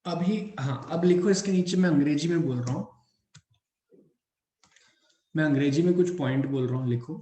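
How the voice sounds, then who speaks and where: A man teaching physics in Hindi and Indian English, slowly dictating points and repeating each phrase so students can write. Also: fairly high pitch, warm tone, reverberant, poor audio. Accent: Hindi-English mix, Indian English. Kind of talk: dictating lecture notes.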